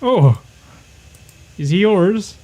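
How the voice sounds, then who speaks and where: A man voicing a timid captive frog prisoner in a tabletop game, hesitant and a little higher than his own voice. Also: animated, extremely slow, mellow, soft background music, full character voice. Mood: wary.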